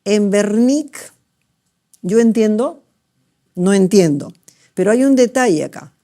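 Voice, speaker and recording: Male medical lecturer, mellow tone, explanatory, asks students to confirm. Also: high voice, expressive, slow pace. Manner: explanatory, asks rhetorical checks, acts out patients. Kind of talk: exam review lecture.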